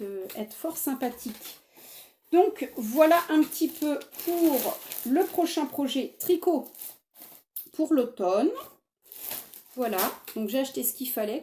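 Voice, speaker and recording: A woman's voice: on the high side, mellow. A middle-aged woman chatting enthusiastically to camera about knitting, with frequent fillers and restarts. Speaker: knitting podcaster. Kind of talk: casual chat to camera.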